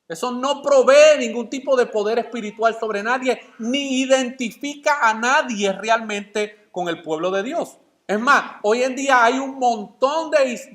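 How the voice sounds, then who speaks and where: A man preaching from the pulpit, his voice pitched high for a man. He keeps firing rhetorical questions at the congregation and then answers them himself. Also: a bit bright. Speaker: pastor. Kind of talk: sermon.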